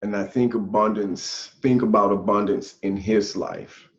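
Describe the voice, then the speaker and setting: Slow-talking earnest man in his forties. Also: lowish voice, steady tone. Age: 40s. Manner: slow, earnest, thinks aloud, says "man" often. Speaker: podcast co-host. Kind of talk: casual conversation. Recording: dull lo-fi sound.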